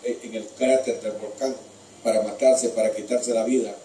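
A man's voice: lowish voice, fairly even intonation, moderate pace, dark tone, a little hiss or hum. A man preaching a sermon as a storyteller, addressing his listeners as brothers. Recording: echoey room from far off.

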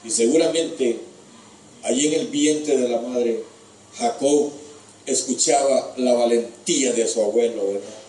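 A man's voice: mid-range voice, a little slow, warm tone, a little hiss or hum. A man preaching a sermon as a storyteller, addressing his listeners as brothers. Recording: echoey room from far off.

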